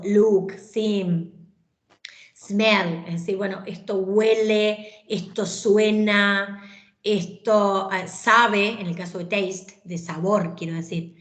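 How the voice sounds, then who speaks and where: A woman's voice: medium pitch, fairly even intonation, slow pace, fairly bright tone. A woman, teaching an English grammar class and explaining patiently, often checking that students follow. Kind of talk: online class lecture. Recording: roomy echoey recording.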